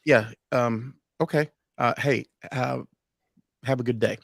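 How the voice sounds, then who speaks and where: A man's voice: mid-range voice, steady tone, slow pace, gravelly, no echo. A man in casual podcast chat, telling stories with many fillers and restarts. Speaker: guest.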